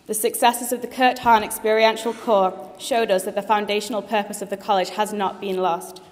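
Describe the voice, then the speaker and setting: A graduating student, an earnest teenage girl in her late teens, gives a formal graduation speech in a large assembly hall. Her medium-pitched voice is fairly even and moves at normal speed, heartfelt with light jokes. The hall's long reverb carries through the recording.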